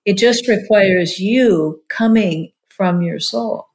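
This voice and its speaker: A woman's voice: mid-range voice, slow. A woman in her sixties, a marriage and family therapist, talking casually in an interview and often using "like" as a filler. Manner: chatty, warm-hearted, many "like" fillers.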